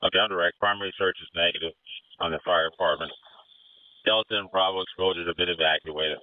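A man acting as incident commander, giving brisk orders over a two-way radio. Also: low-pitched, fairly even intonation, smooth, no echo. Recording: narrow phone-like radio channel.

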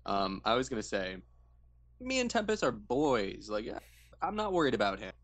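A man's voice: medium pitch, big pitch swings, moderate pace, a bit bright, no room sound. A man playing a tabletop game who talks in a casual, laid-back, slangy way. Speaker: player. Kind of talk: tabletop role-play chat.

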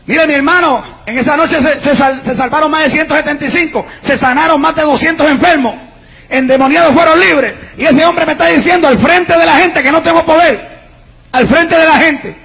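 A man evangelist preaching a sermon to a congregation, telling a dramatic story, shouting and calling out to the people. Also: extremely high pitch, brisk, vocal fry, poor audio. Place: church before a congregation.

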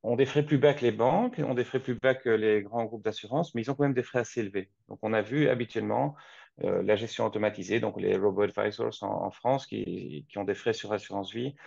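Man, from Belgium, 40s, gravelly, dry close sound, measured, hesitant. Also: on the low side, darkish tone, no room sound. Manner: measured, hesitant with frequent restarts. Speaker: guest, company co-founder. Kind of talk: video call interview. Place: office, seated at a desk. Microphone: webcam on a video call. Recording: dull lo-fi video call audio.

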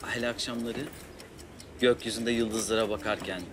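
A man at a café who pleads with his partner and keeps trying to calm her down. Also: lowish voice, normal speed, background noise. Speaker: husband in on the prank.

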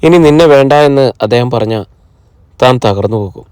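Smooth-voiced man narrating a novel. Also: mid-range voice, brisk, darkish tone, no echo. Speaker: audiobook narrator.

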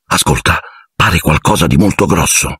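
A man voicing a cautious teenage boy who speaks in a hushed, urgent way, reading an audiobook. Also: sits low, moderate pace, husky, no echo, clean studio sound, full character voice. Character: young teenage boy wizard, tense and cautious.

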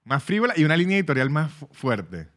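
A Venezuelan man hosts a casual podcast conversation, joking with his guests. His voice sits a bit high, and he restarts his words a lot as ideas tumble out. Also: quick pace. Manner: animated, joking, many restarts. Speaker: podcast host. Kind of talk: casual chat.

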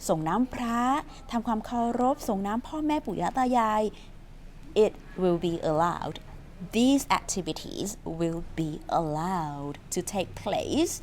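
A woman's voice: on the high side, animated, moderate pace, few pauses, a little mellow, a little hiss or hum. A woman teaching English from a news story in a chatty, playful way, quizzing her viewers and answering herself, and reading English.

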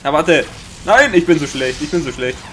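A young man with a Bavarian accent giving excitable Let's Play commentary, swearing often and making sound-effect noises. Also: fairly high pitch, moderate pace, slight background noise. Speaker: gaming commentator.

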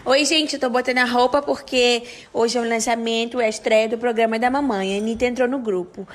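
A chirpy little pet dog, as a woman puts it on, chattering eagerly in baby talk. The voice sits a bit high. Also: steady tone, brisk, natural voice. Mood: cheerful. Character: small pet dog speaking cheerfully.

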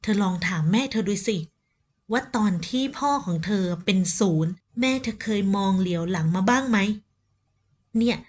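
A woman's voice: medium pitch, moderate pace, lightly acted. A woman voicing a haughty, bitter older first wife who scolds sharply, in an audiobook. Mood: scolding. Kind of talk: audiobook character voice.

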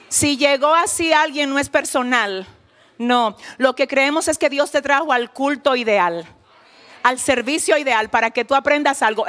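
A woman pastor delivers a passionate sermon to a church congregation, her voice pitched high. She builds her points with mounting fervor, breaks into shouts and calls out to the people in front of her. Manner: impassioned preaching that rises to shouts and calls on the congregation. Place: church service before a congregation.

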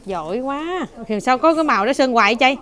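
A woman's voice: high voice, expressive, fast, a bit bright. A woman chatting casually and teasing playfully in a nail salon, now and then switching into English. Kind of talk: casual chat.

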